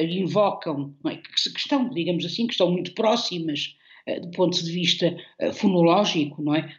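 In this radio conversation about poetry, the recording has its highs cut off, and a woman with a lowish voice and a European Portuguese accent speaks as the guest poet. She explains a poem in a reflective way, habitually ending phrases with a tag question.

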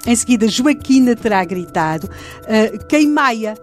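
A woman's voice: medium pitch, lively intonation, normal speed, a little mellow, soft background music. A woman with a European Portuguese accent retelling a historical case in conversational, dramatic detail, with restarts and fillers. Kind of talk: conversational true-crime retelling.

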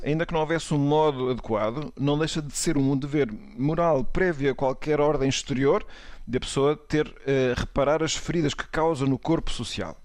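Portuguese priest on a panel, careful and halting, dry close sound. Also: male voice, mid-range voice, dry recording. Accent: European Portuguese. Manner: measured, hesitant, restarts often. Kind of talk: panel discussion.

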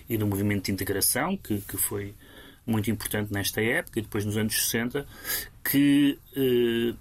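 A man with a European Portuguese accent discussing a book as a critic on radio, full of fillers and restarts. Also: mid-range voice. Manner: hesitant, many fillers and restarts.

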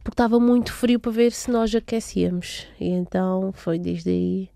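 A woman's voice: medium pitch, moderate pace, gravelly, mellow, dry recording, studio quality. A young woman from São Tomé, recalling her childhood in an interview, hesitant with many fillers and restarts. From São Tomé and Príncipe. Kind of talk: casual personal recollection.

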